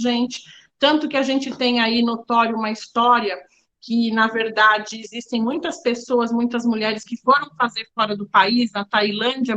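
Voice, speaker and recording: A woman's voice: on the high side, a bit bright. A middle-aged woman giving a public lecture as a diversity official, frank and didactic, addressing the audience directly.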